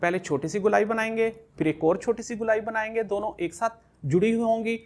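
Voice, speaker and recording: A man's voice: high voice, brisk. A male kindergarten teacher giving an alphabet writing lesson. He talks through each pen stroke step by step and patiently repeats each letter sound several times.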